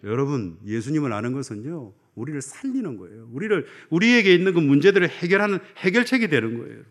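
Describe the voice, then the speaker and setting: A middle-aged man from Chungcheong preaching a sermon as a pastor, building to loud emphatic peaks and dropping to low, soft asides. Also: very animated, fast. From Chungcheong, Korea.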